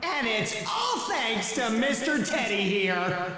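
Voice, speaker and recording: An actor playing an excitable young male pageant announcer in a video game, with a showy, drawn-out delivery. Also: very high-pitched, slight background noise, exaggerated voice. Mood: excited, showy. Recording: very echoey, reverberant hall PA.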